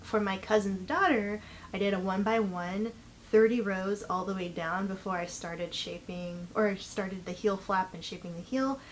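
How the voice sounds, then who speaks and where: A woman's voice: mid-range voice, normal speed, low-quality recording. A young woman talking casually to camera as a vlog host, chewing gum so her words come out slightly mushy. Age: young adult. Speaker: knitting vlogger and host. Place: indoor living room, seated by a couch. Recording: clear background room noise.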